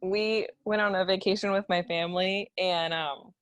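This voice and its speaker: A woman's voice: medium pitch, steady tone, normal speed, fairly bright tone, no room sound. Giggly woman with a dry sound. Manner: giggly, laughs often while talking. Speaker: participant. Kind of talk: casual anecdote.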